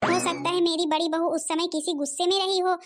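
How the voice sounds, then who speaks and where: A woman's voice: very high-pitched, level tone, a little fast. A woman voicing a fretful, self-pitying old mother-in-law in a cartoon, complaining plaintively. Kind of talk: Hindi cartoon voice acting.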